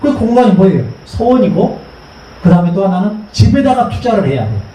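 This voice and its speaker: A man's voice: sits high, very animated, brisk, mellow. A middle-aged man giving a history lecture to an audience, asking them questions and having them repeat terms aloud. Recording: echoey hall recorded from far off.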